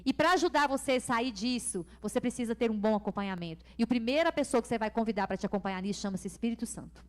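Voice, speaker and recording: A woman's voice: a little high, fast. A middle-aged Brazilian woman pastor preaching a sermon with a Brazilian Portuguese accent, fervent and speaking straight to her congregation. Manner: fervent, addresses congregation directly.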